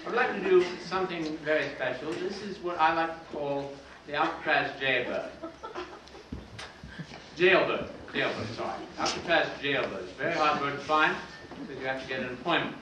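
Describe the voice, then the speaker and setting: A man's voice: fairly high pitch, a little fast, far from the mic. Mock-pompous comedian man on a live stage. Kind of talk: stand-up comedy routine. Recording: roomy live stage sound from afar, audience and noise.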